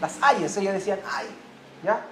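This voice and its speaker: A man's voice: high voice, lively intonation, moderate pace, roomy sound, slight background noise. A man preaching a sermon in a Chilean Spanish accent, emphatic, repeating key words and checking in with the congregation. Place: church.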